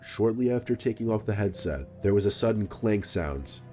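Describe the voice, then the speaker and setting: A man reading a scripted story in a calm, measured narration. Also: on the low side, faint music behind.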